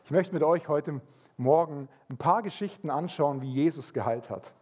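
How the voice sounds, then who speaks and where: Man, sermon, husky voice, fairly high pitch, lively storytelling. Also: moderate pace. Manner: lively storytelling, acts out voices of people in the stories. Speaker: pastor.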